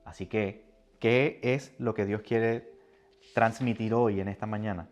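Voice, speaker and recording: A man preaching a sermon with a personal testimony, animated and moving between soft and loud. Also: on the low side, unhurried, dull audio, faint music behind.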